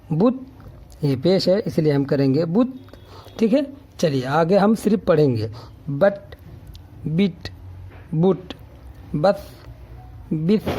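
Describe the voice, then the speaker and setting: A man from India gives a patient spoken phonics lesson in a fairly high voice. He sounds out each syllable several times and keeps checking in with his listeners. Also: dark tone. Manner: checks in often with a questioning tag. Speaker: teacher.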